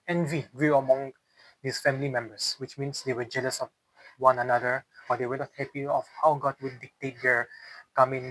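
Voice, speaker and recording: An interviewee with a Northeast Indian accent relates a folk tale without a script, explaining as he goes and frequently repeating and rephrasing himself. His voice is mid-range and fairly bright. The recording has no room sound and is low quality.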